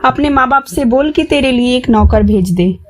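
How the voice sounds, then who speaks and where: A woman's voice: high-pitched, animated, normal speed. Woman voicing a greedy old father-in-law.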